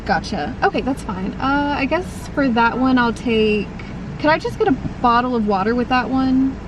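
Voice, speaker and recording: A woman's voice: a little high, lively intonation, moderate pace, recorded from a distance, noisy background. A woman vlogger ordering food at a drive-through speaker from inside her car, polite and a bit hesitant, with fillers as she decides.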